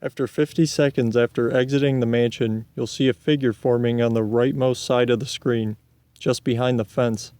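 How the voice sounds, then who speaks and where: A man reading scripted video game narration in a deadpan manner, with casual asides. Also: medium pitch, moderate pace, clean tone, no room sound.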